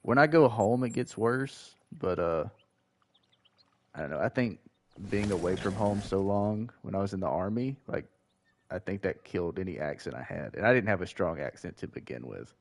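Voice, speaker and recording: A man with a mild Southern US accent, chatting with viewers in a relaxed, rambling way while gaming. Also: low-pitched, moderate pace, gravelly. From Georgia, US. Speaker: gaming streamer. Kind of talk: casual chat while gaming.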